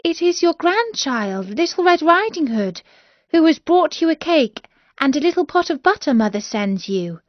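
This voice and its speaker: An innocent little girl, as a woman reading aloud puts her on, trusting and naive. The voice sits high and bounces along in lively pitch. It comes through dry and a bit dull. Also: normal speed, dry recording.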